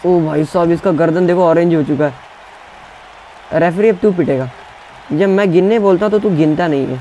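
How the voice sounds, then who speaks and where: A young man calls out his own gameplay with a slightly high, excitable voice, taunting and bossing around the fighters on screen. Faint crowd cheers and game noise sit behind his commentary. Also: moderate pace, low-quality recording. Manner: trash-talking, taunting opponents, shouting commands. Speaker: gaming YouTuber.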